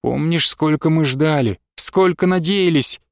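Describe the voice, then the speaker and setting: A man reading aloud and voicing a sullen young deserter who speaks low and curtly. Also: unhurried, gravelly, no echo, studio quality. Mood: grim. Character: gruff, sullen young male deserter in hiding. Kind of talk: audiobook character reading.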